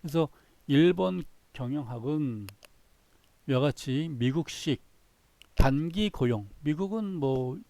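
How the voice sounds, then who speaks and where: Male lecturer, slightly raised pitch, dry close recording, walks through slides. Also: creaky, dark tone, no room sound. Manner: explains slides in short phrases, repeats himself.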